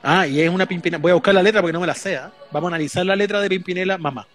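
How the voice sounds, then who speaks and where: A man's voice: high-pitched, rapid-fire, a bit bright, faint music behind. Playful Chilean man hosting a podcast. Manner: playful, reads viewer comments aloud, swears casually. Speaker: podcast host reading live chat. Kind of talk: casual livestream banter.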